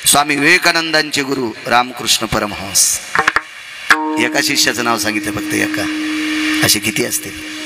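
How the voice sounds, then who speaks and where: A man preaching a devotional kirtan sermon, telling stories dramatically, dropping to hushed lows and rising to loud high calls with call-and-response questions. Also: noisy background. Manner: sings refrain lines in drawn-out chant.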